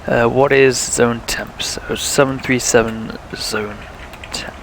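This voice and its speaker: A man's voice: medium pitch, steady tone, slow, fairly bright tone, slight background noise, poor audio. A young man, chatting casually while streaming a flight sim, thinking aloud and talking to viewers, with a sore throat. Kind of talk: casual live-stream commentary.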